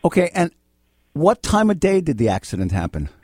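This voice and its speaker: An American man with a fairly high, highly animated voice hosts a call-in radio show. He is blunt and exasperated, drilling his advice home by repetition. The sound is dry and close. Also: moderate pace, slightly rough, no echo. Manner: blunt, exasperated, scolding, repeats himself. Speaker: radio host and lawyer giving call-in legal advice. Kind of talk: live talk radio advice. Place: radio studio.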